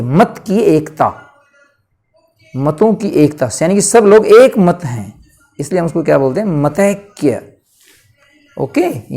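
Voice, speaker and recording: A man with a north Indian Hindi accent teaching a grammar lesson at a board. He asks questions and answers them himself, and he stretches words out slowly to show how they are said. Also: on the high side, gravelly, mellow.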